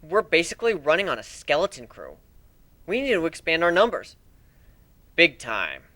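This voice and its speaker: An amateur dramatic story reader delivers an expressive, theatrical first-person narration. His voice is on the high side, at normal speed, with no echo.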